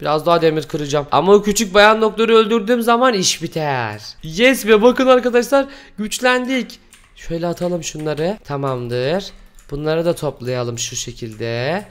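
A man hosting a gaming video, commenting excitedly and pleading dramatically as he plays. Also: a little high, moderate pace, smooth.

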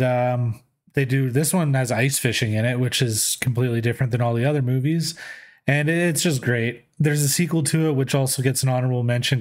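A man in his thirties, casually chatting about his favorite films from a small room with a headset mic. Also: mid-range voice. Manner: upbeat, rambling, recommends films. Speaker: movie list host. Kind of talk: casual video commentary. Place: small room at a desk in a gaming chair.

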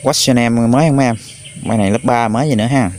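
A man teaching an English lesson to children, repeating each new word slowly three times for the class to echo. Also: mid-range voice, a little mellow, a little hiss or hum. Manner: drills words slowly in threes for pupils to repeat.

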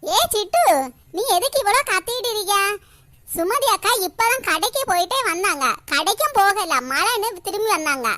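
A woman's voice: very high-pitched, animated, normal speed, bright, forceful tone, dry recording, heavily acted. A woman voicing fretful, gossipy village women in a cartoon. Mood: scolding. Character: chatty village women, mother and neighbours. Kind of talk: cartoon voice acting.

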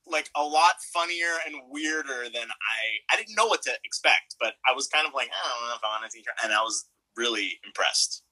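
A man's voice: medium pitch, expressive, normal speed, few pauses, sharp tone, poor audio. A man hosting a casual live video chat, easygoing and enthusiastic, laughing along with his guest. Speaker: live stream host. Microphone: video call.

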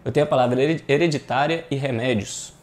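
Male Brazilian teacher with a mid pitch, walking students through grammar questions in a didactic, question-and-answer way. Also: quick pace. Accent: Brazilian Portuguese. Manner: didactic, checks in with frequent rhetorical questions. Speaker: online exam-prep teacher. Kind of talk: explaining grammar exercises.

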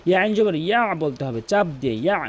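A man teaching tajweed, demonstrating correct Quran recitation and repeating words slowly to show the right and wrong pronunciation. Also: high voice, animated. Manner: drawn-out melodic recitation in demonstrations.

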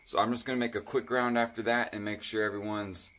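A man casually talking through his farm chores in a vlog, chatty and relaxed, thinking aloud with fillers. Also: lowish voice, fast. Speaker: farm vlogger. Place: outdoors on a farm.

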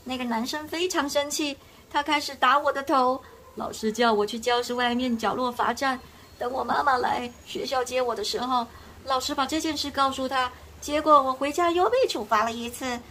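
A woman's voice: sits high, fairly even intonation, moderate pace, bright, forceful tone, slight background noise. A woman reading to a young child, voicing a mischievous, sheepish elderly great-grandmother in a picture book. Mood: reminiscing.

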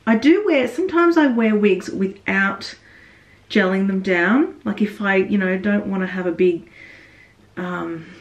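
A woman's voice: medium pitch, unhurried, far from the mic, muffled recording. A woman talking casually through a wig-styling tutorial while she works, recorded in a small bathroom. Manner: chatty, talks while working on the wig. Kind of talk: casual how-to narration. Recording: echoey bathroom.

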